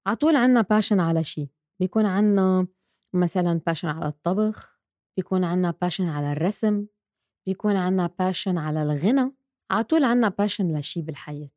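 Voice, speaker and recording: Earnest Lebanese woman with a mellow voice. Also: fairly low pitch, a little fast, no room sound, studio quality. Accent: Lebanese Arabic. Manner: earnest, direct, repeats words for stress. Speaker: podcast host. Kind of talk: casual personal talk to mothers.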